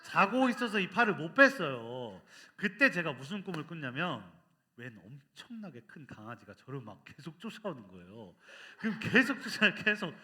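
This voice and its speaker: A man preaching to children in a lively storytelling style. His voice sits a little high and swings widely in pitch. The tone is very bright and forceful, and he keeps the kids involved by asking them questions. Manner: animated, quizzes the children with questions.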